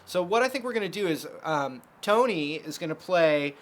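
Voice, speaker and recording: A man's voice: on the high side, expressive, moderate pace. A man teaching a casual guitar lesson, explaining chords step by step with lots of fillers.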